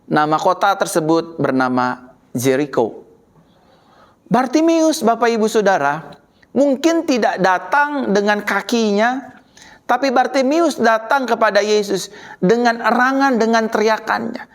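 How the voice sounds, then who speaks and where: A woman pastor preaching a sermon dramatically, swinging between loud and quiet passages. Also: on the high side, expressive, measured pace.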